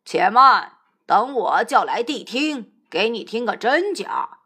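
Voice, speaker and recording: A woman voicing a calm, wise male bodhisattva in a storybook tale, speaking in a lowered, measured voice. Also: breathy edge, full character voice.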